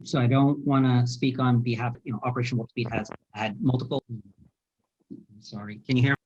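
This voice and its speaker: A man answering questions as a presenting physician in a webinar, his audio on a video call breaking up, speaking haltingly with many fillers and restarts. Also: medium pitch, steady tone, a little mellow, dull audio, slight background noise.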